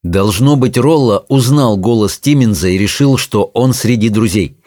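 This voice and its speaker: A man narrating an audiobook in a measured, expressive reading style. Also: on the low side, no echo, studio quality. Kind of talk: scripted narration.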